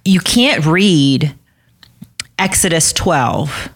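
Low-voiced woman co-host, earnest, repeats stuff for emphasis, casual bible chat. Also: lively intonation, drawn-out words. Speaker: Bible study podcast co-host. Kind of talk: casual faith discussion.

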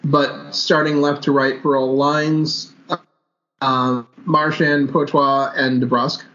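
A man co-hosting a casual hockey podcast, joking in a dry, deadpan way and then laying out his analysis step by step. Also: mid-range voice, slow pace. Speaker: podcast co-host. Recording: dull lo-fi audio with faint hiss.

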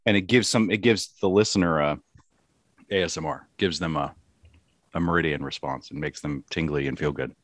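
A man's voice: extremely low pitch, fairly quick, fairly bright tone, no room sound, studio quality. A man co-hosting a podcast in casual chat, explaining things in a rambling way full of fillers. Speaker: podcast co-host.

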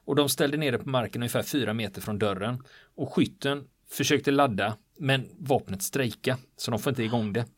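A man of medium pitch tells a wartime story in a relaxed, conversational way. He retells it vividly, with plenty of drive, and slips into the quoted lines of the people in the story. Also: no room sound. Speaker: storyteller recounting wartime history. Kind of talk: casual spoken history telling. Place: on the island where the events happened.

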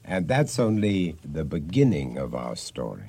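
A man's voice: extremely low pitch, big pitch swings, a little slow. A man hosting and narrating a radio drama in a dramatic, scripted style. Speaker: host and narrator.

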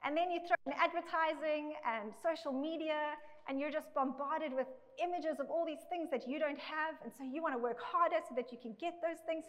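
Woman preacher, high voice, casual sermon delivery, heavy big-hall echo. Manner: conversational, often checks in with "okay". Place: large church hall with a congregation. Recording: echoey recording in a big hall.

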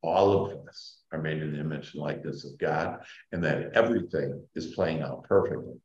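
Male spiritual teacher, low-pitched, effusive and informal, leaning on repeated words, recorded with dull room echo. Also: moderate pace, a little mellow. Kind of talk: informal inspirational spiritual talk. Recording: dull, roomy echoing sound.

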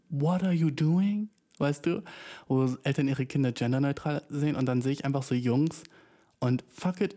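This young podcast host has a medium-pitched, warm voice. His monologue is loose and rambling, heavy on swearing, with English slang and words dropped in.

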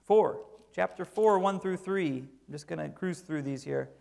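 A man's voice: high-pitched, measured pace, vocal fry, darkish tone. A man preaching a sermon, reading scripture aloud and then explaining it with emphasis.

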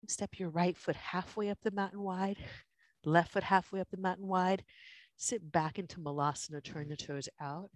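A yoga instructor slowly coaching breath and movement through a guided class in short, spaced phrases. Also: medium pitch, steady tone, no room sound.

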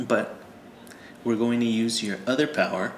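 Here a medium-pitched man narrates as game master at an ordinary pace, keeping things loose, laughing and joking casually. The recording comes from an echoey room carrying faint ambient noise.

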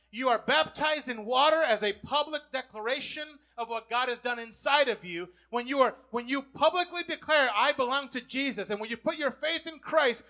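A man's voice: very high-pitched, bright, forceful tone. A man preaching a sermon, calling on the congregation to repeat words back to him. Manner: call-and-response preaching, asking the congregation to repeat. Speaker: pastor.

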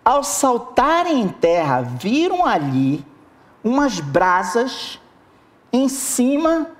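Animated preacher, lively pitch swings. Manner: expressive, addresses the congregation directly. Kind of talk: sermon.

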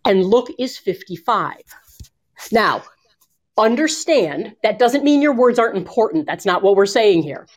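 A woman talking through public speaking tips in an interview, her voice lively and expressive. She shifts her pace a lot, rushing some phrases and stretching others for emphasis. She speaks in a casual, coaching manner from her home. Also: medium pitch. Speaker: communication coach. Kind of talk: conversational interview.

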